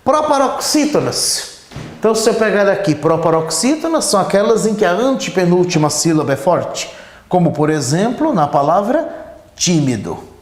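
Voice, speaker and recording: Lively echoey teacher. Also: medium pitch, normal speed. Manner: explanatory, frequent "né?" tag questions, stretches words when writing. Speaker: Portuguese teacher. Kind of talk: whiteboard grammar lesson. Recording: echoey room.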